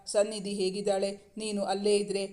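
A woman voicing a warm, concerned middle-aged mother who talks in a homely way. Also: mid-range voice, level tone, brisk, close to an everyday voice.

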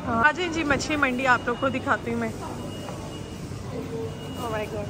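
Brief: a talkative woman, fairly high-pitched, phone-filmed grocery vlog with music underneath. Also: unhurried. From Pakistan. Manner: chatty, exclaims at prices and food. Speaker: vlogger. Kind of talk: casual shopping vlog chat. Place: large indoor supermarket. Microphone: handheld phone camera. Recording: background music laid over.

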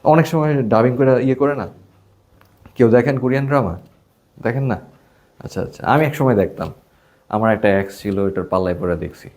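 A man's voice: medium pitch, brisk, pauses often, darkish tone. A young man with a Bangladeshi Bengali accent, teaching an English class in a casual, joking way and mixing English phrases into his talk. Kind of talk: classroom lesson.

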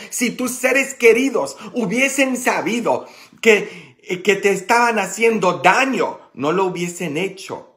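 A priest preaching in a sermon, speaking slowly and deliberately in a somewhat high voice. He leans on fillers and little tag questions, and he swings into loud, high-pitched bursts when he acts out the people in his story. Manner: animated, acts out quoted people with sharp rises in pitch and loudness; slow, emphatic, with many fillers and tag questions.

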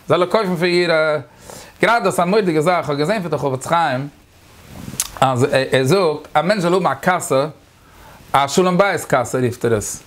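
A man, a rabbi, giving a Talmud lecture, explaining step by step, repeating phrases and asking rhetorical questions, with English words mixed in. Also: fairly high pitch.

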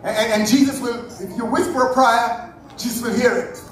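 Male preacher, very high voice, fervent sermon with shouted peaks, recorded far off in a booming church hall. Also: moderate pace, slight background noise. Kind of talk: Sunday sermon. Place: church sanctuary. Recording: very echoey church hall, heard from afar.

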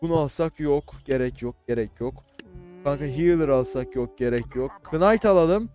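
A man giving casual, excitable commentary on a battle game, swearing and shouting at the units he controls. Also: mid-range voice, normal speed, soft background music. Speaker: gaming YouTuber. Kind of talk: casual Let's Play commentary.

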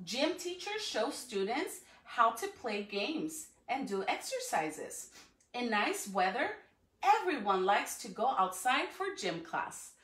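Slightly high and sing-song, she takes her time, her tone fairly bright. It's a woman educator livestreaming a read-aloud for children from her living room, cheering them on and asking them questions. An echoey room and a phone or camera a few feet back make her sound distant.

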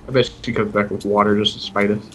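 A man's voice: fairly low pitch, flat delivery, fast talker, fairly bright tone, soft background music. A young man teasing his friends with crude jokes while gaming. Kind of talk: casual gaming chat.

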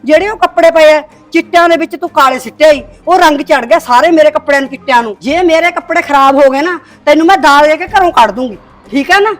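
This actress speaks fast in a natural, high-sitting voice, playing a harsh middle-aged village stepmother in a short film. She nags and scolds with a sharp tongue in Punjabi, with a Punjabi accent.

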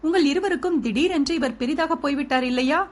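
A woman's voice: high-pitched, brisk, voice pushed up, lightly acted. A woman voicing a curt, defiant young woman. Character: stubborn, frightened young widow.

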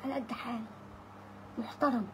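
A woman's voice: on the high side, fairly even intonation, brisk, noisy background. A woman in her sixties with an Egyptian Arabic accent, an interviewed widow who pleads and repeats her words over and over. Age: 60s. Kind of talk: emotional street interview.

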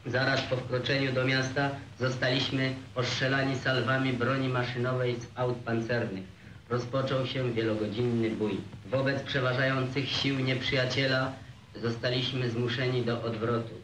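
A man reading a wartime account in a flat, measured way, heard on an old newsreel soundtrack. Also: medium pitch. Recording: echoey, distant, noisy old film sound.

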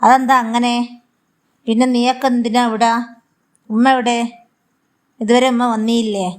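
A woman's voice: a little high, flat delivery, normal speed, natural voice. A woman voicing a harsh, scolding young son in a Malabar Malayalam accent. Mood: irritated. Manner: scolding, contemptuous.

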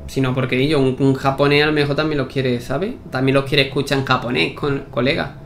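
A man's voice: mid-range voice, steady tone, fairly quick, gravelly, slight background noise. A man with a Spain Spanish accent, giving casual gameplay commentary with swearing and chatty asides. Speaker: gaming YouTuber.

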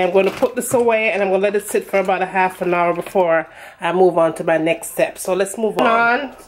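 A woman's voice: mid-range voice, slight background noise. A woman with a Jamaican accent narrating a recipe as a home cook, casually instructing viewers directly. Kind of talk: casual cooking tutorial narration.

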